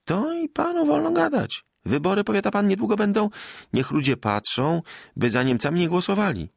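An excited, out-of-breath peasant wife chatters on in rustic country talk in this storybook reading, her voice lifted well above the reader's own. A man acts her out, keeping his creaky grain under the high, swooping lines. It was recorded in a dry, close studio. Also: moderate pace, dry recording, full character voice. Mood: eager. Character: chattering breathless village wife, middle-aged woman.

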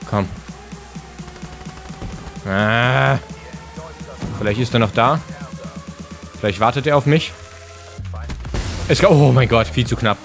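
A man chatting through his game footage, hoarse and worn out, his voice straining at its limit. He talks in a casual, slangy, excitable way at an ordinary pitch. Soft music runs faintly underneath. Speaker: gaming YouTuber. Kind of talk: casual gameplay commentary.

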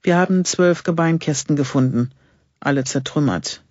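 A man reading the part of an eager, secretive male archaeologist in an audiobook, with a husky voice. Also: on the high side, moderate pace, a little mellow, no room sound, close to an everyday voice. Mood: explaining. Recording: dull lo-fi recording.

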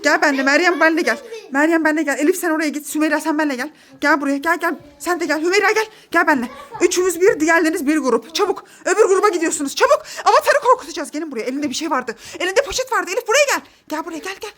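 A woman in her thirties, a mother leading a play game for her children at home, calling out excited, bossy commands. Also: very high-pitched, racing, hardly any pauses. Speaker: mother running a family game. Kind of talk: playful family vlog. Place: home, indoors.

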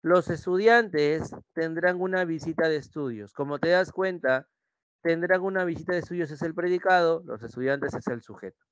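Male Peruvian Spanish teacher, young adult, slightly high voice, dry close sound, repeats points and asks "right?" often. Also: moderate pace, no echo, muffled recording. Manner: repetitive, checks in with students using "¿sí?". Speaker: pre-university language teacher. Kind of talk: online class lecture.

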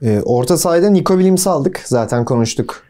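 A man's voice: on the high side, lively intonation, brisk, warm tone. A man co-hosting a football podcast, easygoing and agreeable, steering the talk between segments.

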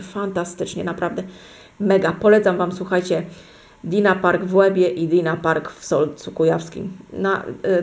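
A chatty woman with a fairly low voice rambles to her viewers in a casual unboxing-style vlog, correcting herself as she goes. Sitting at a table indoors at home, she talks straight to the audience while showing off her fridge magnets.

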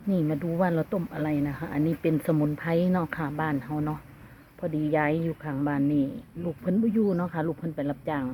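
A woman's voice: low-pitched, fairly even intonation, quick pace, dark tone, slight background noise. A woman with an Isan accent chatting casually to camera as she cooks and gardens, laughing often. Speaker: vlogger cooking and gardening at home. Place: outdoors at a rural home.

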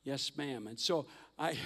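An older man telling mission stories in a sermon on a church stage, animated and acting out the voices of the people in his stories. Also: medium pitch, creaky, breathy edge. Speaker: guest missionary speaker. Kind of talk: storytelling sermon. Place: large church auditorium stage. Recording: long hall reverb.

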